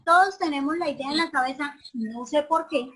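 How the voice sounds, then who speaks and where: A woman's voice: high-pitched, fairly quick, fairly bright tone, rough recording. A woman teacher giving an online class. She asks her students many questions and often checks whether they agree.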